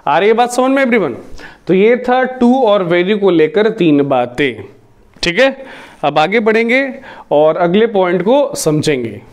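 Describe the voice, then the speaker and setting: High-voiced man teaching English grammar. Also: animated. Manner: explains step by step, asks the class questions and answers them; reads English example sentences slowly, word by word. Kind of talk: Hindi-medium grammar lecture.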